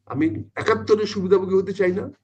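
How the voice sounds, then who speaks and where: A man's voice: high-pitched, steady tone, brisk, lo-fi sound, a little hiss or hum. An older man, a talk show guest, speaks insistently and repeats his points for emphasis. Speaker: political guest.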